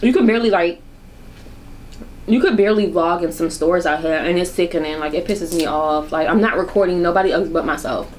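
Low-voiced young woman, hand at mouth. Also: brisk, a little mellow, slight background noise, low-quality recording. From Virginia, United States. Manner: casual slangy talk. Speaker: vlogger. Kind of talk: casual mukbang chat. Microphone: camera on a stand.

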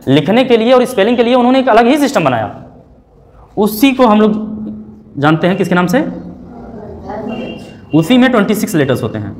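A man teaching a classroom lecture, breaking words down letter by letter in a slow, deliberate way. He keeps turning to his students with rhetorical questions and pushes them to answer. His delivery is that of a teacher talking to a room of learners. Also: high voice, big pitch swings. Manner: spells words out slowly, sound by sound. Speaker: English teacher.

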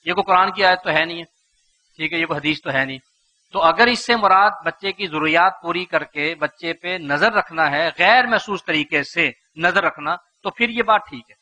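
A man lectures a live audience as a motivational speaker, asking rhetorical questions and drawing the listeners in. His voice sits high and sounds very bright and cutting. He acts out what parents say to make his points.

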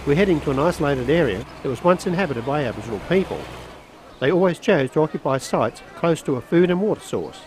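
A man's voice: fairly high pitch, expressive, fast, darkish tone, a little hiss or hum. An Australian man narrating a travelogue as presenter, reading scripted voice-over. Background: music under voice-over.

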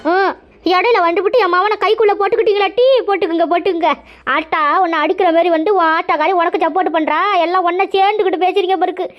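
A woman's voice: extremely high pitch, steady tone, quick pace, dull audio. A woman voicing a proud, scolding mother-in-law in a cartoon, indignant and defensive. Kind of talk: cartoon voice acting.

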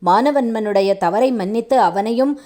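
A woman's voice: on the high side, unhurried, warm tone, lightly acted. A woman reading as a proud, stern king. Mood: commanding. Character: stern proud male king, weary and wounded.

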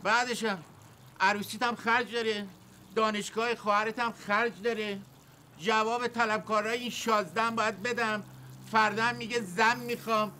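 High bright voice, grumbling retired dad, scolding, faint background noise. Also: male voice, level tone. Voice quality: complaining, scolding. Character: grumbling retired father fretting over money. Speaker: retired office worker, father. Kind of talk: TV sitcom acting.

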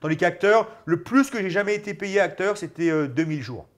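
This fortysomething guest talks fairly quickly in a high voice, waving his hands as he goes. Once a fighter, now an actor and stuntman, he's in a casual, animated interview in a small studio lounge, wearing a lapel mic.

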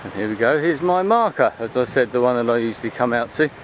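An expressive, medium-pitched man talks fast, rambling chattily as he vlogs a casual, unscripted beach walk. It's low tide on an open shore, and his handheld camera's built-in microphone clearly picks up the wind and water.

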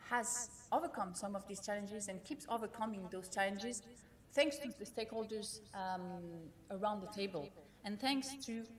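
A woman whose first language is not English, giving a conference keynote in a measured way, with frequent fillers and restarts. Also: medium pitch. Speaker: keynote speaker.

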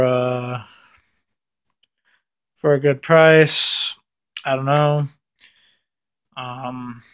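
A young man talking casually to his vlog viewers after having his wisdom teeth out, mouth packed with gauze, subdued and halting, recorded at arm's length indoors. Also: medium pitch, clean tone. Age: young adult. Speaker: vlogger. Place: indoors at home, close up. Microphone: phone or camera at arm's length.

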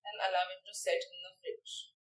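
Here a young woman teaching cooking speaks in a fairly low, level voice at a fairly quick pace. She guides the demonstration step by step, frequently using "okay" and "right," in a large kitchen that echoes, with the microphone placed far away.

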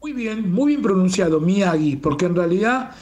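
Enthusiastic Rioplatense man, slightly high voice. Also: expressive, normal speed. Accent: Rioplatense Spanish. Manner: warm, enthusiastic, fond of rhetorical "¿no?". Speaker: guest, communications manager of a Japanese garden. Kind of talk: radio interview chat.

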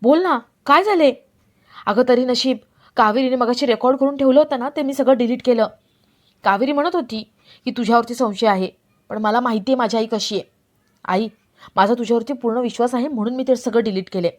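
A woman's voice: fairly high pitch, a little fast, lightly acted. A woman voicing an earnest young man who pleads with his mother.

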